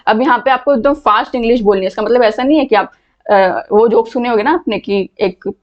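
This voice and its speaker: A woman's voice: a little high, a little fast, muffled recording. A woman teaching an online English class, explaining patiently and repeating words to model how they are said.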